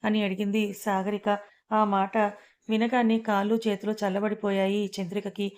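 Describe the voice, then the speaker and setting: A woman narrating an audio story in a steady, even reading. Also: medium pitch, moderate pace.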